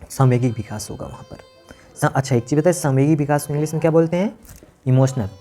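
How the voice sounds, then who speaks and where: A man teaching an exam-prep class in a mellow, relaxed voice at a middle pitch. He walks through each point, says lines over and over, and asks questions that he answers himself. Soft music plays faintly behind him.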